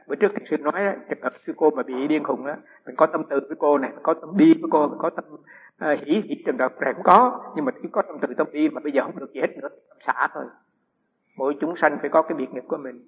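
A middle-aged Buddhist monk gives a dharma talk in a husky, fairly high voice. He tells anecdotes and keeps asking his audience rhetorical questions. The dull, lo-fi recording carries a long hall reverb. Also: fast talker.

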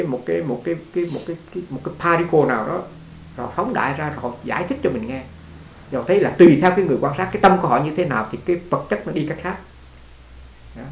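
A man's voice: fairly high pitch, vocal fry. A man teaching as a Buddhist teacher in a conversational dharma talk, repeating words and laughing along with his listeners. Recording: echoey room.

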